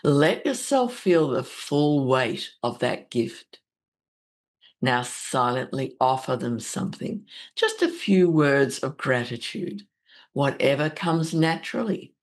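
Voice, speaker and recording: A woman speaking as a spiritual host and meditation guide, with a soothing, gentle, deliberate delivery. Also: a bass voice.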